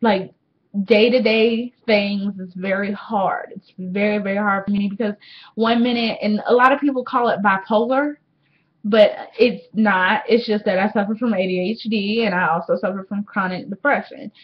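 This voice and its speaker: A woman's voice: mid-range voice, steady tone, moderate pace. An eighteen-year-old woman talking candidly and rambling to a webcam at home in a casual diary vlog, swearing freely. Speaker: vlogger. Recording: slightly dull webcam audio.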